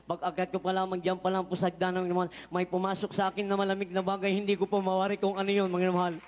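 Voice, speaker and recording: A man's voice: high-pitched, completely flat delivery, fast, a little mellow. A man giving a fervent church testimony, often repeating "mga mahal" and "hallelujah". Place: large church hall. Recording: hall reverb from church sound system.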